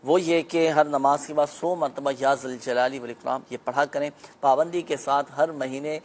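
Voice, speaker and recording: A man hosting a religious show, calmly explaining spiritual remedies to viewers with frequent pious phrases. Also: mid-range voice, moderate pace.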